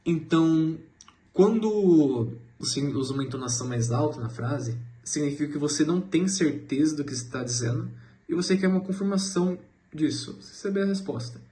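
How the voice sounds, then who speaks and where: A man's voice: on the high side, animated, normal speed, warm tone. A man explaining English grammar in a loose, searching way, with many restarts. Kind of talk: explaining grammar in a class presentation.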